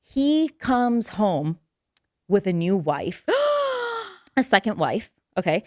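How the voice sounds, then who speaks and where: A young woman co-hosting a podcast, retelling a story in a lively, rambling way and swearing freely, recorded in a studio. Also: medium pitch, takes it slowly, no room sound. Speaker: podcast co-host. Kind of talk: casual chat.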